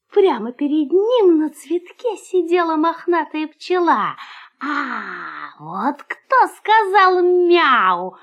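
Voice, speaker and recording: A woman narrating a children's story slowly and expressively. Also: sits high.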